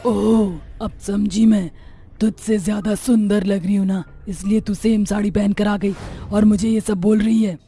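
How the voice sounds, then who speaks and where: A woman's voice: medium pitch, fairly even intonation, measured pace, natural voice. A woman voicing a bossy, quarrelsome old witch mother-in-law in a cartoon, scolding and taunting. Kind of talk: cartoon voice acting. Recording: soft music behind.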